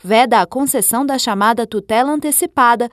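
A woman reporter reading a scripted radio news report in a clear, measured delivery. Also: fairly high pitch, no echo, clean studio sound.

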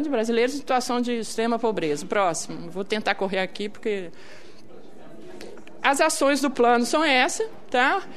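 A woman with a Brazilian Portuguese accent giving a public presentation in a conversational manner, often adding little tag questions. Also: high voice. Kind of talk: public talk with slides.

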